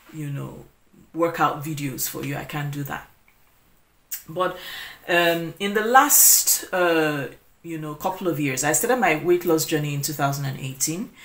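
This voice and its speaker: A woman in her forties talking casually to camera as a lifestyle vlogger. She rambles, restarts her sentences and fills gaps with "you know". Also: sits low. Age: 40s. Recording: echoey room.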